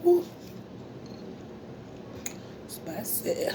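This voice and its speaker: A woman's voice: extremely slow, very noisy. An American woman hosting a casual mukbang, chatting in a folksy, informal way between bites with savoring hums. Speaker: mukbang host. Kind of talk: casual mukbang chat while eating.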